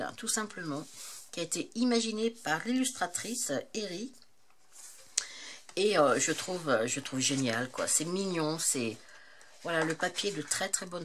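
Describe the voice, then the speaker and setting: A woman in a casual show-and-tell vlog about her craft supplies, chatty and hesitant, often pausing with fillers. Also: on the low side, a bit bright, slight background noise. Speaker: craft vlogger.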